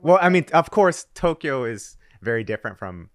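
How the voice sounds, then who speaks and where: A man's voice: medium pitch, moderate pace, no echo, clean studio sound. A man hosting a podcast, chatting casually and laughing easily. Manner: laughs easily, relaxed and conversational. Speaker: podcast host. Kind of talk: casual conversation.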